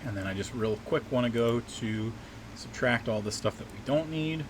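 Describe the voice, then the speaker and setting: A man with a mid-range, slightly scratchy voice hosts a casual livestream from a small home desk while working as a map maker. He rambles in a relaxed way at a moderate pace, full of fillers and restarts, with a steady air-conditioner hum behind him.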